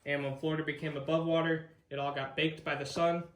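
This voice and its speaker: Man, higher-pitched, brisk casual tour guide, echoey cave sound. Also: level tone. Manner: casual, addressing a group. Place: inside a limestone cave. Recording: echoey cave, distant mic, background noise.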